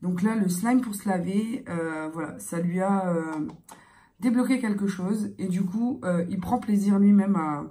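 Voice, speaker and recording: A young woman chatting casually in a beauty vlog, halting and hesitant, her voice thick, congested and strained from tonsillitis and a sore throat. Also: mid-range voice, mellow. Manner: hesitant, halting, searching for words. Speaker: beauty vlogger.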